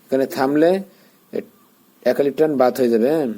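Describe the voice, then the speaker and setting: Mellow-voiced man teaching Quran reading. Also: medium pitch, fairly even intonation. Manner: slow drawn-out chanting when joining words; patient step-by-step explaining. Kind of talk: spelling out Arabic letter by letter.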